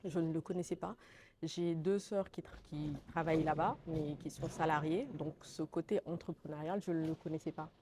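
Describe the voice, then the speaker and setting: A woman's voice: low voice, fairly even intonation, moderate pace, background noise. A woman in her thirties from Senegal giving an interview testimonial, earnest and hesitant with many fillers.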